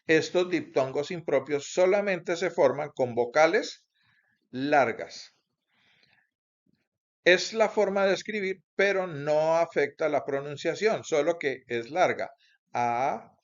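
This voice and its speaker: A man teaching Bible Greek in a recorded lecture, explaining slowly and deliberately with pauses and self-corrections. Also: a little high. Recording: dull lo-fi recording.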